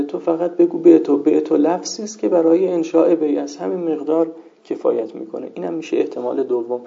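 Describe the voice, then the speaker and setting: A man's voice: a little high, vocal fry, mellow. A man teaching a seminary lesson on jurisprudence, explaining points patiently and conjugating examples aloud. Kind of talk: lecture on Islamic jurisprudence. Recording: dull lo-fi recording.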